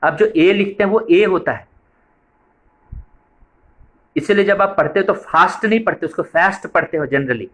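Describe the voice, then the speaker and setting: A man's voice: high-pitched, a little fast, fairly bright tone. Man giving a training lecture. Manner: explanatory, repeats points for emphasis. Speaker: preschool method trainer.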